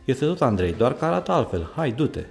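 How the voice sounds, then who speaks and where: A man's voice: mid-range voice, very animated, vocal fry, darkish tone, voice pushed up. A fretful, worried father who frets and sighs about what to tell people, voiced by a man. Read as a storybook with faint music behind. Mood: coaxing.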